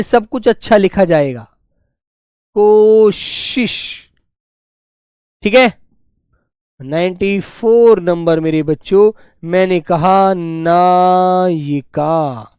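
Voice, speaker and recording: A male teacher giving a spelling class, dictating words slowly and repeating each one, talking to pupils in a fatherly way. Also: high voice, clean tone, dry recording, clean studio sound. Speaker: Hindi teacher.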